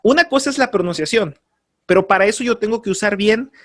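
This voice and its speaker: A man teaching a workshop to aspiring radio announcers, speaking deliberately and spelling out sounds to demonstrate clear diction. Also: sits high, a bit bright. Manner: deliberate, demonstrative, over-articulating examples.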